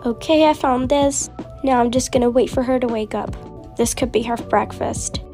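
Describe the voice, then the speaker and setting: A girl casually narrating her toy-game role-play video as the channel host, chatty and quick. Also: a little high, mellow, soft background music.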